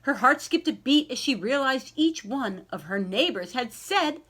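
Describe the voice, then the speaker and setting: Animated woman reading a picture book aloud. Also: high-pitched. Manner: animated, pausing to ask young listeners questions. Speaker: librarian reading aloud to children. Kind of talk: expressive children's picture-book read-aloud.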